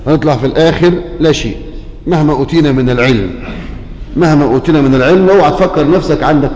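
A man's voice: a little high, very fast, a little mellow, a little hiss or hum. A man with an Egyptian Arabic accent giving a Quran commentary lesson. He speaks straight to his listeners, keeps checking that they follow, and breaks into chanted recitation. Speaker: Quran teacher. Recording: echoey hall with long reverb.

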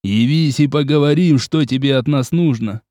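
A man's voice: mid-range voice, moderate pace, mellow, dry recording, studio quality, close to an everyday voice. A man voicing a cold, scheming older nobleman who speaks curtly and dismissively. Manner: curt, dismissive, menacing.

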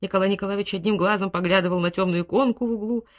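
A woman reading a novel aloud as audiobook narrator, with expressive, dramatic delivery. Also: medium pitch, rapid-fire. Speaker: audiobook reader. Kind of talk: scripted literary narration.

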